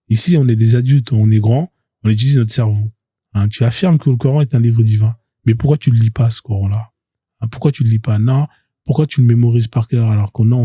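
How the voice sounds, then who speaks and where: Here the same kind of live stream host speaks at medium pitch, his voice very dark, mellow and husky. Mocking and combative, he keeps returning to identical points, recorded close-up and dry with no reverb.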